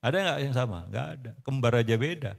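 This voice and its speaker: A man's voice: mid-range voice, quick pace, vocal fry. A man giving a casual sermon to a congregation, bantering, quizzing his listeners and laughing often. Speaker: preacher. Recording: long reverb of a hall.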